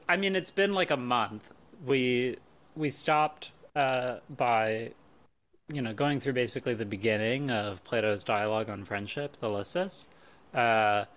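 A young man co-hosting a casual podcast. He talks in halting bursts, full of fillers and restarts, and he laughs often. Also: mid-range voice, a bit bright. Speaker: podcast co-host. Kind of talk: casual chat.

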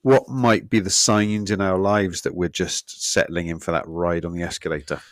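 Very deep-voiced croaky podcast host. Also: male voice, fairly even intonation, moderate pace, dry recording, clean studio sound. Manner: questioning, conversational. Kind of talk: podcast discussion.

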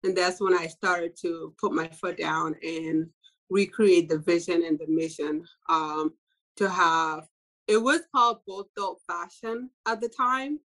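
A young woman from Ethiopia, a fashion designer, giving a relaxed interview with frequent soft laughs and filler words. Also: lowish voice, unhurried, poor audio. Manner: soft-spoken, laughs often, many fillers. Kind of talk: casual interview answers.

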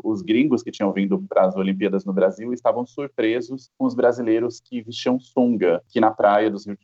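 A man's voice: lowish voice, a little mellow, highs cut off. A Brazilian man with a Brazilian Portuguese accent, telling a story as a guest in a casual panel chat over a call. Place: video call.

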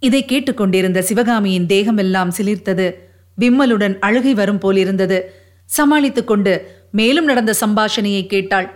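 A woman narrating a novel aloud in a measured, expressive reading. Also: medium pitch.

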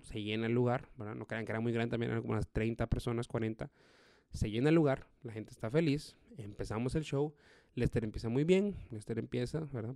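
A man, a stand-up comedian telling a story in a profane, animated way. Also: mid-range voice, dry recording, studio quality. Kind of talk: storytelling monologue.

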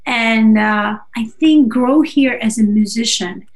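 With Russian and Georgian as her first languages, this woman pauses and gropes for words, frequently asking "right?". Her voice is a little high. She is a singer-songwriter being interviewed in an easygoing, chatty format.

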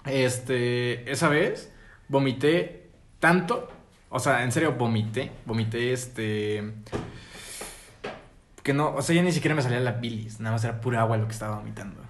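A man's voice: mid-range voice, moderate pace, slight background noise. Teasing Mexican man in podcast banter. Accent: Mexican Spanish. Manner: teasing, sarcastic, profane. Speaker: podcast co-host. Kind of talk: casual chat.

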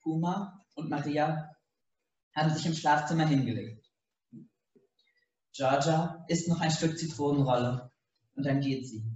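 A man reading a first-person story aloud in a dry, even way. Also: on the high side, measured pace, pauses often, recorded from a distance. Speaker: audiobook reader. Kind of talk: first-person audiobook narration. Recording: very echoey room.

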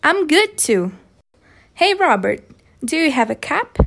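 A woman's voice: high-pitched, very animated, slow, vocal fry, a bit bright, heavily acted. A woman reading a short scripted dialogue for an English lesson, speaking as a young woman chatting with a friend. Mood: friendly.

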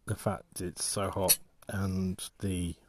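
A man talking casually while out walking, rambling in halting, restarting sentences as he thinks aloud. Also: low-pitched, level tone, noisy background. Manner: rambling, halting, many restarts and trailing thoughts. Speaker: walking vlogger and artist.

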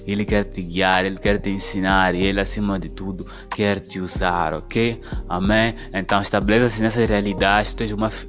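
A man preaching a casual podcast sermon, stacking short repeated phrases and slowing right down to lead a prayer. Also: on the low side.

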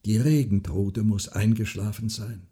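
A man voicing a frail old widow who speaks softly, earnestly and secretively. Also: fairly low pitch, steady tone, a little slow, husky.

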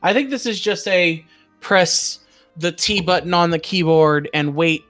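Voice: mid-range voice, a little slow, fairly bright tone, faint music behind. A player in a tabletop game, talking in an easygoing, agreeable way that trails off. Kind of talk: casual tabletop game chat.

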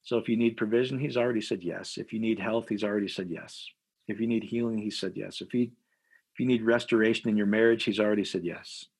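A pastor from Iowa, a man guiding listeners through a prayer in a podcast interview, energetic and preacherly, repeating phrases for emphasis. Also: on the low side, fast, slightly rough. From Iowa, USA.

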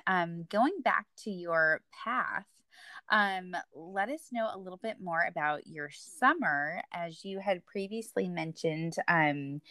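A woman's voice: on the low side, sharp tone, no room sound. A woman with an American accent hosting a conversational interview in an encouraging, affirming way. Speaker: podcast host.

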